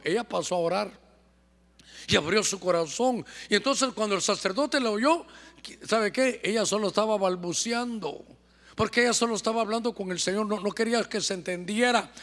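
Honduran apostle, high gravelly voice, fervent sermon in a church hall with long reverb. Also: male voice, expressive, normal speed, a bit bright. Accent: Honduran Spanish. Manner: fervent, keeps addressing "hermano". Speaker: apostle preaching. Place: church service.

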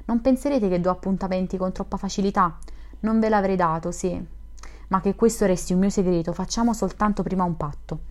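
A woman reading the part of a mysterious young woman in a classic novel, in a frank, gently teasing manner. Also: mid-range voice, a little fast, lightly acted.

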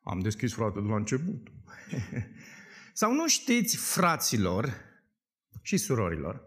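A man's voice: fairly low pitch, huge pitch swings, a bit bright. A male pastor preaching a sermon to a congregation, emphatic, asking them questions as he goes.

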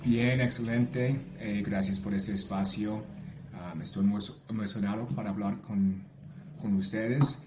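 A man from Canada, a native English speaker, answering as a podcast guest in halting Spanish with a North American English accent and grammar slips. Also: on the low side, steady tone, roomy sound, over music. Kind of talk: casual interview answers.

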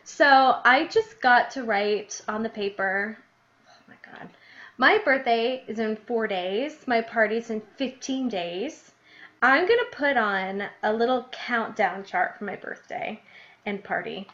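Host: young woman, slightly high voice, giggly diary-reading chat, dull lo-fi sound. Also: measured pace. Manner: giggly, animated, laughs often between readings. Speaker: podcast host. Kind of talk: casual chat reading her childhood diary. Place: lives in New Jersey, grew up in Illinois. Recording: dull lo-fi podcast audio.

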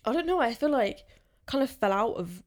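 A woman's voice: a little high, sing-song, brisk. Chatty young woman, podcast co-host. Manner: chatty, laughs easily, lots of "like" fillers. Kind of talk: casual chat.

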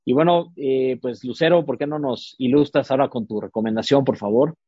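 A man's voice: mid-range voice, a little fast, warm tone, slightly rough, dry recording, lo-fi sound. A man hosting a podcast, chatting casually about books with frequent fillers and restarts. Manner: hesitant, many fillers and restarts. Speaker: podcast host. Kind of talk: casual book-recommendation chat.

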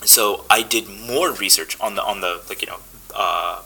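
A young man, an actor, talking casually as a podcast guest, relaxed and chatty with many fillers and restarts. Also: lowish voice, moderate pace, gravelly, breathy edge, rough recording.

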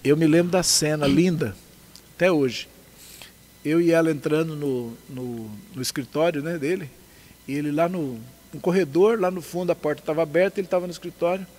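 A man's voice: a little high, moderate pace, darkish tone. A man with a Brazilian Portuguese accent, casually telling his story as a guest, laughing often and acting out what people said. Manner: laughs often, acts out dialogue.

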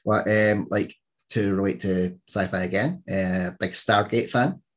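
Scottish male podcast host, lowish voice, joking, laughing, rambling chat. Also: steady tone, unhurried. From Scotland. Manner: chatty, jokey, laughs often, many fillers.

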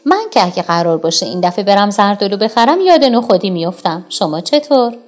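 A woman narrating a children's storybook tale, talking directly to young listeners in an animated way. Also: mid-range voice, faint music behind.

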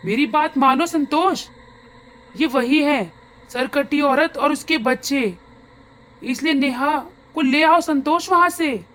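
A woman's voice: sits high, takes it slowly, fairly bright tone, pitched above the performer's own voice. A woman voicing a terrified young wife and mother who pleads through tears and screams in panic in a horror story. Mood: pleading tearful.

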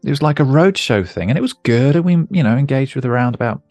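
A man's voice: mid-range voice, expressive, fast talker, a little mellow, dry recording, faint music behind. Chatty, joking man hosting. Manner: rambling, jokey and self-deprecating. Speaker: podcast host. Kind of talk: casual conversational interview.

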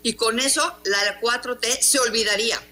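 Emphatic Mexican woman, bright voice. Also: fairly high pitch, fairly even intonation, moderate pace, slight background noise. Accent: Mexican Spanish. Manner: emphatic and combative, rhetorical questions. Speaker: newspaper columnist, interview guest. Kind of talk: remote interview answers.

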